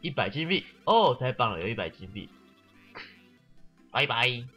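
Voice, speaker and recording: A man's voice: medium pitch, sing-song, moderate pace, sharp tone, slightly rough, soft background music. Sarcastic, swearing gamer man. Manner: sarcastic, swears often, reads game text mockingly. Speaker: let's play gamer. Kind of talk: casual gameplay commentary.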